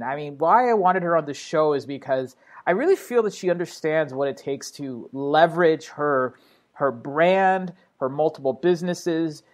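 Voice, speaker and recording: A man hosting an interview podcast, upbeat and enthusiastic, talking loosely with fillers. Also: a little high. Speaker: podcast host.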